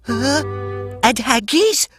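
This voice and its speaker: Kind cartoon octopus, played by a woman, unhurried, lilting and friendly, soft music behind. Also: high voice, big pitch swings, full character voice. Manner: friendly, polite, gentle. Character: gentle kind male octopus. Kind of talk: children's cartoon voice acting.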